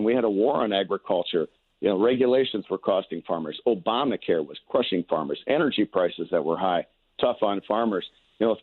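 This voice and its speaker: An American man, a political candidate appearing as a radio guest, answers interview questions over the telephone. His voice sits on the low side and has no echo, though the line sounds narrow and tinny. He talks in folksy stump-speech phrases, often repeating himself hesitantly.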